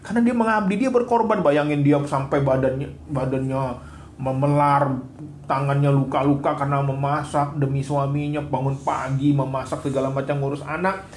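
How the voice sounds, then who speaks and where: Earnest and lively, this male psychologist co-hosts a live Q&A on marital troubles, voicing quoted wives and husbands as he goes. He talks at normal speed in a mid-range voice, over a little hiss or hum.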